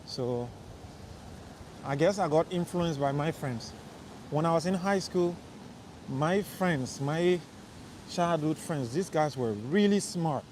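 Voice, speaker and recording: Slow and fairly high-pitched, with lively intonation, long pauses and a slightly mellow quality, a young Liberian man livestreams a nighttime city walk. He rambles casually and answers viewers' questions over faint traffic noise.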